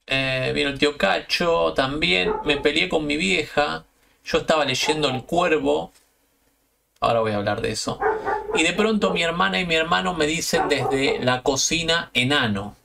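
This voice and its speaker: A man's voice: a little high, normal speed, vocal fry, far from the mic, noisy background. A man with an Argentine accent hosting a podcast, telling stories in a loose, slangy, profane chat. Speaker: podcast host. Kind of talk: casual storytelling chat.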